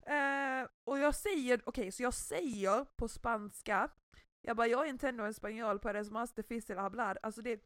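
A young woman chatting casually, telling a story with lively acted-out quotes. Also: a little high, dry recording, clean studio sound. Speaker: podcast co-host. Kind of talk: casual chat.

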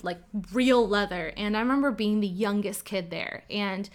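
A candid woman from Ottawa, Canada, whose first language is Cantonese, shares a personal story in a casual, conversational way with frequent "like" fillers. She talks at normal speed and at medium pitch.

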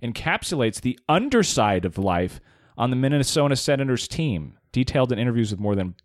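A man's voice: mid-range voice, sing-song, brisk, dry recording, studio quality. A man in casual podcast chat who reads a news story aloud and then argues with it skeptically, swearing freely.

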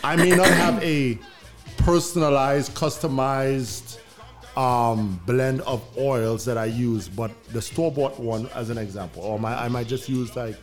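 A man's voice: medium pitch, a little slow. A man interviewing someone in casual, informal, slangy conversation. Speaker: host asking questions. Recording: music behind the voice.

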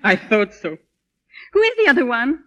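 A woman's voice: on the high side, very animated, moderate pace, fairly bright tone, lo-fi sound. An actress playing a feisty, fussy young woman, teasing and blunt in an old film comedy style. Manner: theatrical, blunt, teasing, complaining.

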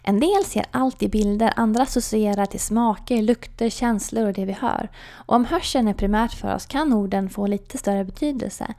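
A woman coach telling a personal story and explaining an idea in a calm storytelling way, with soft whispered asides. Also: mid-range voice.

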